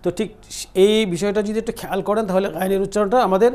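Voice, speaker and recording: A man's voice: high-pitched, fairly even intonation, rapid-fire, a little mellow. A man teaching Quran reading on a TV lesson with a Bangladeshi Bengali accent, patiently repeating each syllable and speaking straight to the viewers. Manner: addresses viewers directly.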